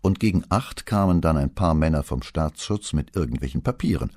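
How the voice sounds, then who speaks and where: Brief: male reader as a worried young office secretary, voice pitched up, lively, husky. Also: dry recording, clean studio sound. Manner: worried, quick. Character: young woman, efficient police secretary.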